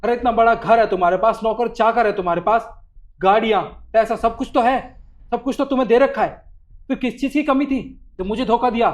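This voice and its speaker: A man's voice: very high voice, fairly even intonation, fairly quick. An actor playing a husband who accuses his wife of hiding a lover, in melodramatic short-film style. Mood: outraged. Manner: accusing, indignant. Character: husband Nikhil, confronting a cheating wife.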